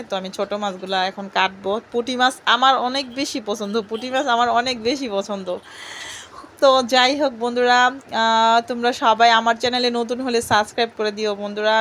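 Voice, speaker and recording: A woman's voice: on the high side, a bit bright, a little hiss or hum. A woman from Bangladesh, chatting casually to her viewers while sorting groceries at home. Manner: chatty, addresses viewers as friends. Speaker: home vlogger. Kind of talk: casual home vlog narration.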